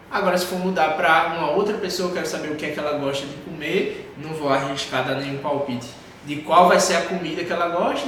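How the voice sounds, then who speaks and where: Northeast guy teaching english, kinda high voice, patient, keeps repeating stuff, really echoey room. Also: a bit bright, slight background noise. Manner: patient, repeats and drills pronunciation. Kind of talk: classroom teaching.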